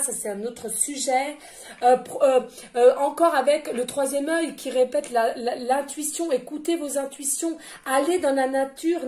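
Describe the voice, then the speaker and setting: High-pitched lady doing a chatty card reading, rambles a lot, roomy sound. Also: darkish tone. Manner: chatty, rambling, laughing, addresses listeners as friends. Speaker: medium giving oracle card readings. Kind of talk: casual spiritual card reading.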